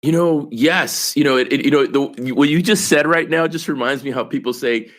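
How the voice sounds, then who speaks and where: A man's voice: mid-range voice, normal speed, fairly bright tone. A man from El Salvador, a podcast guest talking earnestly about his work, with many fillers and restarts. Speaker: podcast guest, company executive. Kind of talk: casual interview conversation.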